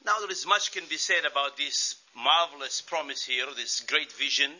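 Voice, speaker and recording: Male preacher, high pitched, very bright, emphatic, muffled lo-fi sound. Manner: earnest, emphatic, pauses for translation. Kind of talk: sermon with interpreter.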